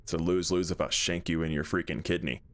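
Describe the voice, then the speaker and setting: A man's voice: sits low, steady tone, fast, a bit bright. A man giving casual, irreverent gameplay commentary as a video host, blunt and slangy.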